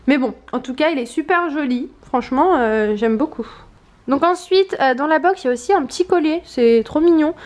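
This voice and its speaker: A woman's voice: high-pitched, lively intonation, moderate pace, a little mellow. A young adult woman, a student vlogger, chatting casually at home, hesitant and full of fillers. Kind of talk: casual chat to camera.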